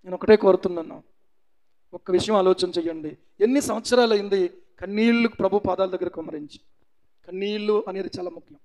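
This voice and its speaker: A man's voice: high voice, fast talker, darkish tone. A man preaching a sermon as pastor, impassioned and full of repeated rhetorical questions.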